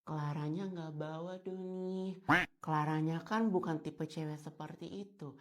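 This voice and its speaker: A woman voicing a self-absorbed schoolgirl who fakes a soft, murmured, barely audible voice. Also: rumbling low, little pitch movement, voice pushed down, heavily acted. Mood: murmuring. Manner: murmured, breathy, deliberately quiet.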